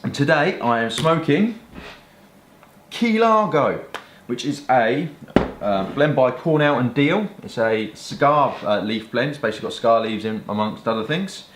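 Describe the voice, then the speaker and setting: Animated and speaking at normal speed in a mid-range voice, this British hobby vlogger rambles colloquially about his pipes and tobacco, swearing mildly now and then. A roomy echo and faint background noise come through the recording.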